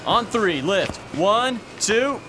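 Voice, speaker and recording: A male actor playing a gruff, impatient paramedic in an audio drama. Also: high voice, lively intonation, slow. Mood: commanding. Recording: noisy siren and vehicle ambience.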